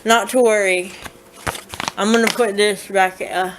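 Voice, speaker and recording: A woman rambles casually to camera as a vlogger giving a makeup tutorial, a little slow in her mid-range, fairly even voice. She's groggy and loopy from anesthesia, and her mouth is numb and sore after dental surgery. The mic sounds distant and roomy, with faint noise.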